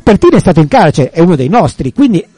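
Dark-voiced Italian radio host. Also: male voice, high-pitched, very animated, fast, husky, no echo. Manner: anecdotal, with restarts and chuckles. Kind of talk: casual radio talk and reading.

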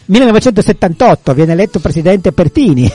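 A man's voice: high voice, animated, fast, loud music behind the voice. A man hosting a radio talk show, telling anecdotes casually with restarts and chuckles. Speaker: radio host.

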